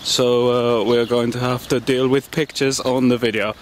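A man's voice: mid-range voice, moderate pace. A man chatting casually and playfully while filming a travel vlog outdoors. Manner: playful, joking, excitable. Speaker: vlogger. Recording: loud outdoor traffic noise.

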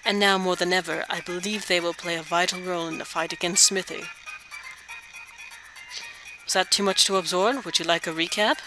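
A woman voicing an old, wise, kindly male frog sage from a video game, speaking in measured, formal phrases. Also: fairly low pitch, fairly even intonation, music in the background, natural voice, rough recording. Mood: grave, patient. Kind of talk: video game dialogue read aloud.

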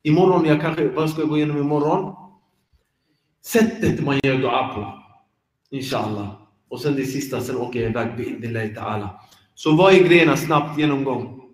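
A man giving an informal religious reminder to a congregation, lively and animated, acting out everyday examples with laughs. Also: medium pitch. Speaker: preacher giving a dawn reminder. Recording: echoey hall with long reverb.

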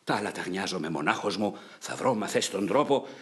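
A man's voice: deep voice, expressive, a bit bright. A man voicing a brash young charioteer who urgently commands his horses in an epic poem reading.

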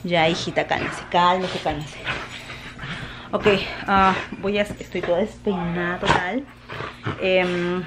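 A woman's voice: fairly low pitch, noisy background. A woman chatting casually to her viewers while showing her plants and doing house chores. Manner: chatty, addresses viewers as "chicos". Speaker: vlogger. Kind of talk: casual vlog chat. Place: at home, house and garden.

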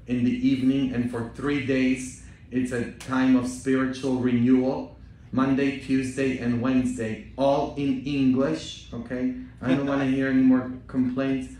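Priest, middle pitch, preaching and joking with the pews, heard from afar in a very echoey church. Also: male voice, distant mic. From Poland. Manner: joking, bantering with the congregation, rising to loud exhortation. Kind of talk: Easter homily and parish announcements. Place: large church.

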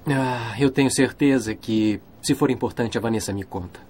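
Male dubber: earnest young groom, rapid and eager, slight hiss behind the voice. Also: mid-range voice, lightly acted. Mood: polite. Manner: rapid excited guessing. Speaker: groom guessing a mime. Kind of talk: dubbed film acting.

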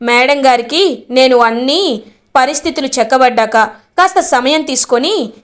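A woman voicing a calm young man who reassures gently. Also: sits high, normal speed, close to an everyday voice. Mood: reassuring.

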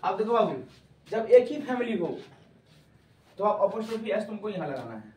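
A man teaching English grammar to a class, calling students "babu" and quizzing them loudly. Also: sits high, sing-song, moderate pace. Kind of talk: classroom lecture. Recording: echoey classroom from far off.

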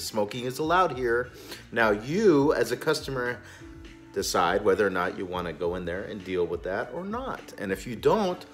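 A man in his forties who hosts a cigar video channel rants with indignation and emphasis, hands gesturing broadly, in an opinionated casual vlog. His lowish voice is a bit bright, and he's in a small indoor storage room stacked with boxes.

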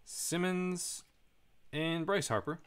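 A man's voice: a little high, steady tone, takes it slowly, fairly bright tone, clear, resonant tone. Man calling out pulled cards. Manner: reads out card names, chats with viewers. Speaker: card break host. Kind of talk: casual live card-break commentary.

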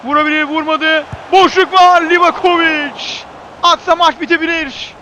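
A man commentates live football in a strikingly high, forceful voice. He fires off clipped phrases and repeats names emphatically, breaking into excited shouting at key moments. Faint noise sits behind him. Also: moderate pace.

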